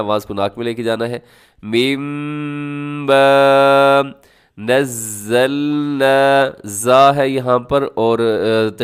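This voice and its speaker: A man teaching tajweed, explaining each rule and then sounding out words slowly and loudly, often asking the class rhetorical questions. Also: medium pitch, clean tone. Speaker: Quran recitation teacher. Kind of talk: tajweed lesson.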